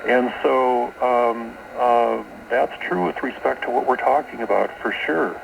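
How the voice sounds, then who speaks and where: This guest author on a radio show has a gravelly, mid-range voice with fairly even intonation and a slightly slow delivery. He lays out esoteric ideas, frequently repeating words along the way, with background noise present. The clip was recorded off air from a shortwave radio broadcast.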